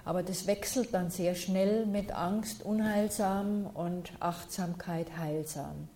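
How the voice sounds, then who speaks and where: Mellow-voiced woman teaching calmly. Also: fairly low pitch, slow, a little hiss or hum. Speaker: meditation teacher. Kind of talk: answering questions in a talk.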